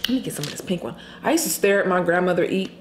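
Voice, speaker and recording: A woman vlogger chatting candidly while eating on camera, pausing to chew and hum over her food. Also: on the low side, lively intonation. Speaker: mukbang vlogger. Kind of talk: casual mukbang chat while eating. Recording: echoey room, faint background noise.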